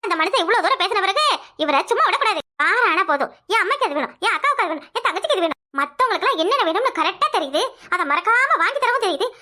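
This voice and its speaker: A woman voicing a fiery, quarrelsome young wife in a cartoon, scolding quickly and repeating her lines. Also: very high voice, animated, pushed and bright, exaggerated voice. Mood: angry, scolding. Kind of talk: cartoon voice acting.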